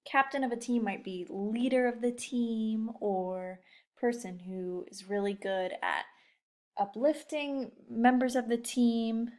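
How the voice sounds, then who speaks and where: A young woman teacher leading a read-aloud lesson speaks slowly in a voice on the high side, her tone steady. She chats with children in a casual, encouraging way and often asks her listeners questions directly.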